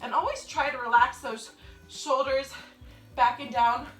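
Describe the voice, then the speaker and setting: Her voice is high, bright-leaning and steady, and she takes her time while cueing viewers through a workout she's doing alongside them. The young instructor hosts her channel from her home living room, with the camera on the floor a few feet away. The recording is rough and roomy, with soft music behind.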